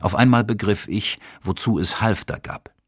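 Husky deep male audiobook narrator. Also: normal speed, no room sound, clean studio sound.

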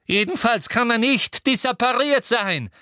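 A man voicing a shrill, domineering woman official in an audiobook. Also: lively intonation, a little slow, pushed and bright, clean tone, no echo, studio quality, heavily acted. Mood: shrieking. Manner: shrieking. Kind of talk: audiobook reading.

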